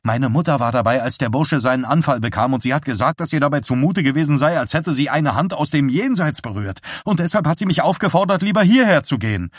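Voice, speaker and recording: A panicked young man, played by a male narrator pours out worried questions in a quick, breathless rush. His voice is raised and strained. It is a dry studio reading. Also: a little high, animated, no room sound, voice pushed up. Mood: frantic.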